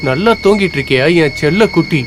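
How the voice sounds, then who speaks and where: A man's voice: on the high side, lively intonation, fast, lightly acted, poor audio. An actor playing a greedy young man who schemes to marry for an inheritance, with a sneering, mocking manner. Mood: menacing. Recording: film soundtrack with loud music.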